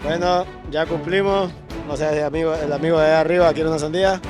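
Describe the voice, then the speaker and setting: A man narrates casually on location, like a vlog host interviewing people. His voice sits high for a man. Music and outdoor road sounds run behind him. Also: fairly even intonation, fast.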